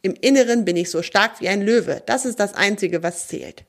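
A woman's voice: medium pitch, normal speed, natural voice. A woman voicing a small grey male creature who is timid but brave and asks eager, wide-eyed questions. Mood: curious.

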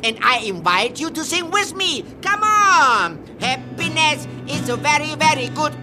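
A loud, cheery foreign pop singer. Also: sits high, very animated, a little slow. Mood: exuberant. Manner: bouncy, loud, broken English. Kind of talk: comedy sketch acting. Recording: sketch with loud music and crowd.

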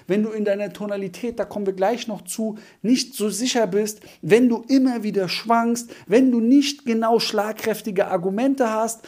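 A man teaching cold calling in a punchy, emphatic way, with sound words like boom and zack. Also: normal speed, hardly any pauses, a little mellow. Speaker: cold-calling sales trainer. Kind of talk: instructional sales training talk.

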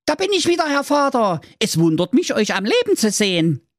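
A man's voice: very high-pitched, sing-song, a little fast, no echo, studio quality, voice pushed up. A man voicing the youngest son, a theatrical magician who chants spells, in a radio comedy fairy tale. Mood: grand. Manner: theatrical, grand, incantatory.

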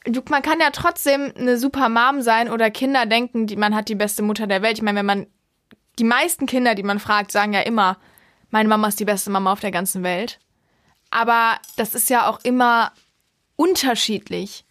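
A woman speaking as the host's daughter in a casual podcast chat, quick to object and often laughing. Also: fairly high pitch, fairly bright tone, no room sound, clean studio sound.

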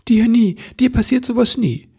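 A man's voice: very high-pitched, moderate pace, mellow, breathy edge, pitched above the performer's own voice, exaggerated voice. A man voicing a small, shy male Christmas elf in a storybook reading, stammering and half-whispering. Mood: upset.

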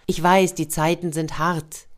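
Woman voicing a gentle crane-maiden, soft and earnest, low voice, storybook tale. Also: little pitch movement, measured pace. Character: gentle young crane-maiden, kind and grateful.

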